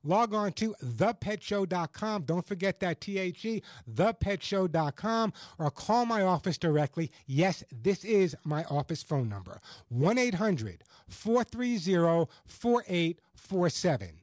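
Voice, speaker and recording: An American man hosting a radio show, talking with a salesman's emphatic repetition as he gives advice and pitches. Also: sing-song, a little slow, darkish tone, no echo, studio quality. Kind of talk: radio call-in advice and self-read product pitch.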